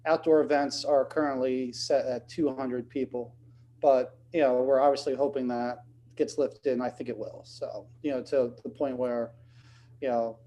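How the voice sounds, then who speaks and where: A man's voice: medium pitch, steady tone, normal speed, warm tone, a little hiss or hum. A man who has just turned fifty, answering interview questions in an easygoing, rambling way with many fillers. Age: 50s. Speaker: tournament director.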